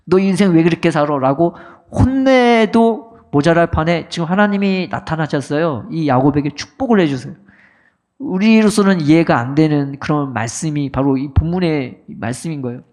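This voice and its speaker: Man preaching a sermon, middle-aged, higher-pitched voice, storytelling with rhetorical questions. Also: animated, normal speed, a little mellow. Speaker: pastor. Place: church sanctuary.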